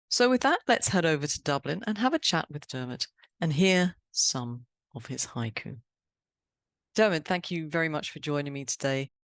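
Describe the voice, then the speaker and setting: Low-voiced English woman hosting a podcast. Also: dry recording, studio quality. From England. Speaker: podcast host. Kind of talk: podcast talk and interview.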